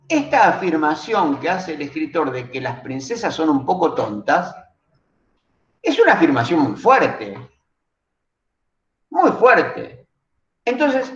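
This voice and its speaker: A man teaching a workshop class on reading aloud, reflective, often asking rhetorical questions of his listeners. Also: on the high side. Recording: roomy, dull lo-fi recording.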